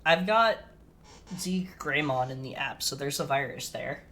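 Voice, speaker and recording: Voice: mid-range voice, expressive, unhurried, sharp tone, a little hiss or hum. A podcast co-host chatting casually on a live stream, flustered and self-deprecating, laughing through technical trouble. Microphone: streaming setup with desk mic.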